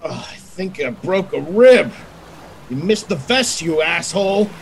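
A man's voice: mid-range voice, animated, takes it slowly, fairly bright tone. A man playing a weary, wry gunman in an audio drama, grumbling sardonically. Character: weary, wry gunman who has had enough.

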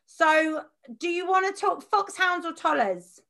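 Bright, high-voiced chatty woman podcast host. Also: measured pace, vocal fry. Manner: chatty, laughs often, many fillers. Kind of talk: casual podcast chat.

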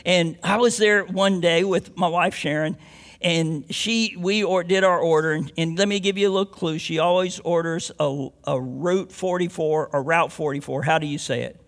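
A man's voice: high voice, normal speed. A man preaching a sermon as a pastor, mixing scripture with homely stories and rising to emphatic declarations.

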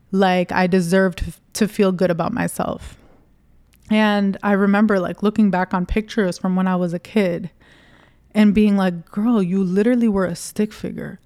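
A woman in her thirties chats on her solo podcast in a smooth, clear voice, recorded close and dry. She talks candidly and loosely, full of "like" and little jokes at her own expense. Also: medium pitch, a little mellow, no room sound. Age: 30s. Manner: chatty, candid, self-deprecating with filler "like". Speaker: podcast host. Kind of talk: casual solo podcast talk.

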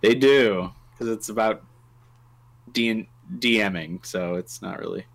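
A man's voice: on the low side, unhurried, creaky. A man co-hosting a casual tabletop gaming podcast, telling stories with lots of restarts. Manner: rambling, self-interrupting storyteller. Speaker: podcast co-host. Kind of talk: casual chat.

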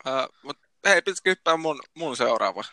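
A man co-hosting a casual podcast chat over a remote call, relaxed and chatty with hesitant fillers. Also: medium pitch, no echo. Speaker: podcast co-host. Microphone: remote call recording.

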